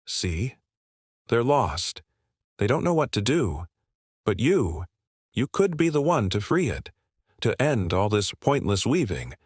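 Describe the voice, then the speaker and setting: A man voicing a sinister, seductive dark spirit in an epic fantasy story, sly and coaxing. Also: mid-range voice, very animated, slow pace, long pauses, slightly rough, dry recording, clean studio sound, heavily acted. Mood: coaxing, tempting.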